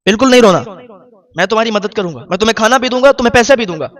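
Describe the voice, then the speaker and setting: A man's voice: sits high, expressive. A man preaching a sermon who voices a kind, wealthy man earnestly consoling a crying stranger. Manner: warm, reassuring, earnest. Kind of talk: sermon storytelling.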